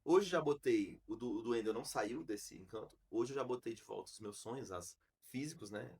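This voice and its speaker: A man from Brazil, a podcast host, telling a story in a casual, slangy, animated way with many restarts. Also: mid-range voice, a little fast, slightly rough.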